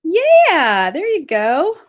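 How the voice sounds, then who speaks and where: A woman's voice: extremely high pitch, huge pitch swings, extremely slow, muffled recording. A woman hosting a casual live stream from home, chatting with viewers, greeting them by name and laughing often.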